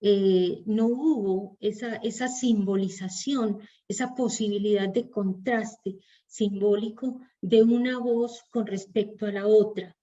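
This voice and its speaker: A woman's voice: mid-range voice, steady tone, slow pace, hardly any pauses, warm tone, dull audio. A woman with a Colombian Spanish accent giving an online class lecture, reasoning aloud and often restarting her phrases.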